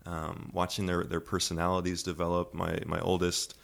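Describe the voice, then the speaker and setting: A young father talking in a casual panel chat, thoughtful and halting, with many fillers. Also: low-pitched, monotone, vocal fry. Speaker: parent guest on a panel.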